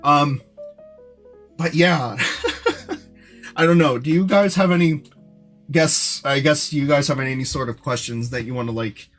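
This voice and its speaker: A young man streaming live, rambling casually to his chat with lots of fillers and restarts, in what he calls a monotone voice. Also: a little high, measured pace, pauses often, soft background music. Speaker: streamer and animator.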